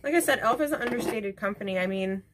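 A woman's voice: mid-range voice, lively intonation, fast, noisy background. A woman beauty vlogger chatting casually at home while doing her makeup, rambling into asides. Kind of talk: casual get-ready-with-me chat.

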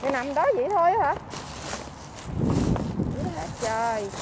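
A woman with a Southern Vietnamese accent, a vlogger chatting on the street who fusses, scolds and keeps exclaiming out loud. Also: sits high, expressive, measured pace, very noisy. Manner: scolding and fussing, exclaims often. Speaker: vlogger helping homeless people. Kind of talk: casual on-street chat. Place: outdoors by a street.

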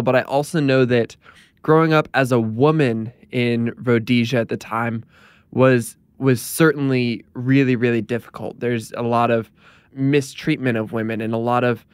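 A man's voice: mid-range voice, clean tone, no echo, studio quality. A man hosting a podcast interview, asking curious, open-ended questions. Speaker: podcast host.

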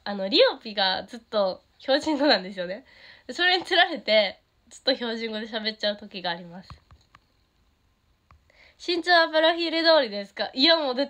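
A bubbly teenage girl with a Kansai accent chats casually on a livestream, reading out fan comments. Her voice sits fairly high and she is quick to laugh and light up. She keeps a relaxed, friendly chat going with her fans. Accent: Kansai Japanese. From Japan. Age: teens. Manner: bubbly, giggly, easily delighted by comments. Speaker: idol streaming to fans.

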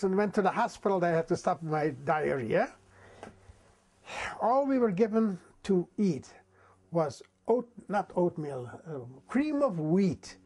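A man in his eighties from Czechoslovakia, a non-native English speaker, telling his wartime memories in a vivid, unhurried way with dramatic pauses. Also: high voice, a little mellow. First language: not English. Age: 80s. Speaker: interviewee recounting wartime memories. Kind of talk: oral history storytelling.

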